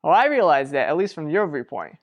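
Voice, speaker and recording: In an old-fashioned radio soap opera, a woman plays a level-headed, exasperated, protective sibling who sounds concerned. Her low, sing-song voice moves fairly quickly, and her delivery is matter-of-fact and chiding.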